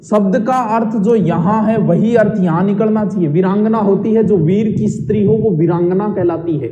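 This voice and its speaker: A man's voice: sits high, moderate pace, warm tone, a little hiss or hum. A man teaching a grammar lesson, explaining step by step and asking the class questions as he goes. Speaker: Hindi teacher. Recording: echoey dull room audio.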